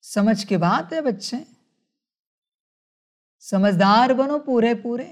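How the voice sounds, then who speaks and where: A woman giving a spiritual sermon, speaking in a measured way, calling her listeners children and asking rhetorical questions. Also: a little high. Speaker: spiritual teacher.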